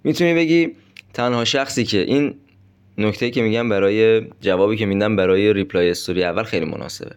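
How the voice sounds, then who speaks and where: Low-voiced man giving dating tips. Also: clean tone. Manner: direct, chatty, addresses listeners as friends. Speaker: dating coach. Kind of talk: instructional monologue with numbered tips.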